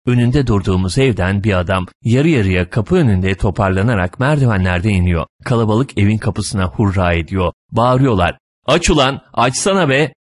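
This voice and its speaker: A man reading a humorous short story aloud as narrator, in a lively, animated manner. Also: lowish voice, normal speed, few pauses, no echo, studio quality.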